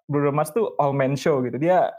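A man's voice: a little high, normal speed, a little mellow. A young man with an Indonesian accent bantering casually as a student radio announcer, playful, teasing and slangy. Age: young adult.

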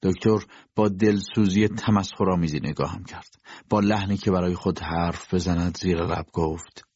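Guy reading a story aloud, low and husky, dry muffled sound. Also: fairly even intonation, a little mellow, no room sound. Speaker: narrator. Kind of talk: first-person audiobook narration.

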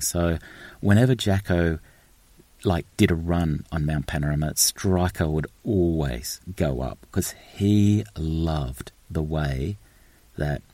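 Deep-voiced man telling an excited story. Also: breathy edge, dry recording. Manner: enthusiastic, rambling with fillers and restarts. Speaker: event organiser. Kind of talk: animated storytelling.

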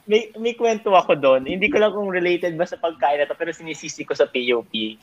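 Among his college friends, this young storyteller rattles off rambling, filler-heavy anecdotes punctuated by laughter. He speaks fast in an expressive voice on the high side, with crowd noise around him on a dull lo-fi recording.

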